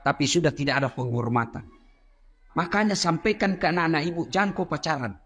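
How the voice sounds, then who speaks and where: A man's voice: fairly high pitch, expressive, fairly quick, fairly bright tone. A middle-aged man with an Indonesian accent giving a humorous sermon in a mosque, joking with the audience. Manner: jokey, acts out quoted voices, addresses audience directly. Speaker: preacher.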